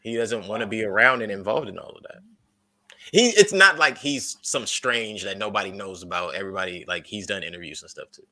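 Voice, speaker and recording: Bright-voiced man hosting a review chat. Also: on the low side, expressive, brisk, low-quality recording. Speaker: podcast host. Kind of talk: casual movie review chat.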